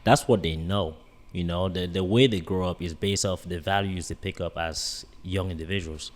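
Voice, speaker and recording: A man in his twenties from Cameroon, a guest on a podcast telling stories in lively casual talk. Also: low voice, normal speed. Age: 20s. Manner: animated storytelling, lots of "you know". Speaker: guest, bodybuilding coach. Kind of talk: casual interview chat.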